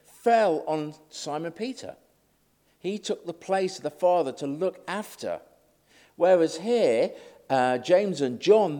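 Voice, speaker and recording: A middle-aged man preaches in a chatty, self-deprecating way, with a slightly nervous edge. His voice sits a touch high for a man and swings widely in pitch. He keeps the sermon light and conversational. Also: warm tone. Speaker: lay preacher.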